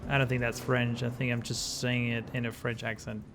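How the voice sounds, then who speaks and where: A man narrates his city-building game in a relaxed, rambling way, full of fillers and corrections. His voice sits at an ordinary middle pitch. Soft background music plays faintly behind him. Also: a little fast. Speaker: gaming channel host. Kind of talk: casual gameplay commentary.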